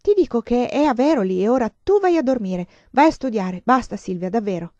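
Woman playing a weary, gentle nun. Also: a little high, animated, a little fast, no room sound, lo-fi sound, voice pushed up, close to an everyday voice. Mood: calm.

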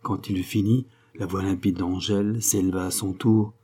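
Husky low-voiced male narrator. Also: flat delivery, moderate pace, mellow. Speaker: audiobook narrator. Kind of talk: literary audiobook narration.

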